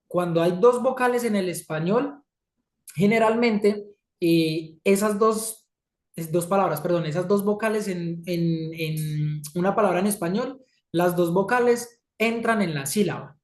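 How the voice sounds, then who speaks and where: A woman's voice: fairly low pitch, a little slow. Woman teaching a class. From Colombia. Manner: checks in often with "¿sí?" and "¿listo?". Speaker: English teacher. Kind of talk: classroom lesson. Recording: echoey room.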